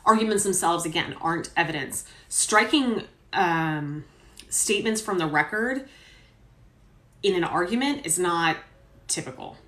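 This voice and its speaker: A woman's voice: on the low side, lively intonation, a little slow, pushed and bright. A woman lawyer giving casual legal commentary, explaining points conversationally with fillers. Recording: roomy echo.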